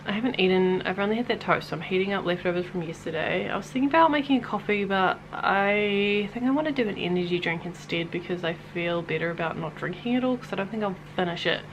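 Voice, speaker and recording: A young woman, chatting casually to camera in a home vlog, rambling as she thinks out loud. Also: medium pitch, fast talker, few pauses, dull audio, noisy background. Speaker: vlogger.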